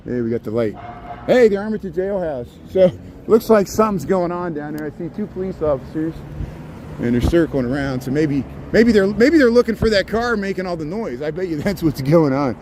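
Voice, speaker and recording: His voice runs a little high and a little mellow, expressive and slightly fast. He's a man in his forties from the Cincinnati area of the US Midwest, with a slight Cincinnati-Kentucky twang, chatting his way through a rambling night-time walking tour of a city street and playing it up for viewers, with faint traffic and street noise around.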